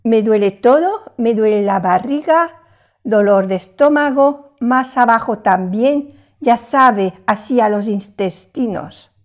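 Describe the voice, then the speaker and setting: An older woman teaching French phrases in a lesson, patiently repeating each phrase slowly. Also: fairly high pitch, animated. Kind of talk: language lesson.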